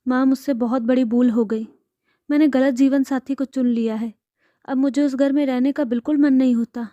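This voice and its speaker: A woman's voice: high voice, steady tone, moderate pace, mellow, no room sound, lo-fi sound, lightly acted. A woman voicing an unhappy young married daughter, hesitant and holding back tears. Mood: tearful.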